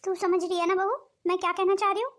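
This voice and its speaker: A woman's voice: very high voice, steady tone, fast, a bit bright. A woman voicing a patient older mother-in-law in a cartoon, with a soothing, pleading way of talking. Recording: faint music underneath.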